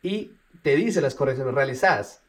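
A man who runs a business, talking straight to viewers in a casual tutorial vlog. He speaks with energy and drops punchy sound words like "boom" as he goes. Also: animated, normal speed. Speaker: business owner.

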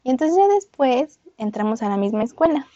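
A woman's voice: sits high, big pitch swings, fairly quick, warm tone, no echo, muffled recording. A young woman co-hosting a podcast, telling a personal story in casual chat, laughing often and acting out voices. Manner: laughs often, acts out voices in her anecdotes. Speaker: podcast co-host.

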